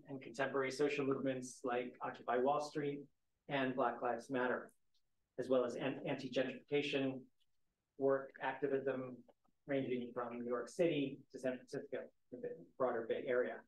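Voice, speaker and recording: A man's voice: medium pitch, level tone, normal speed, slight background noise. A man moderating a university panel, reading speaker bios with light asides and self-deprecating humor. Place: university lecture hall. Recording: echoey lecture hall.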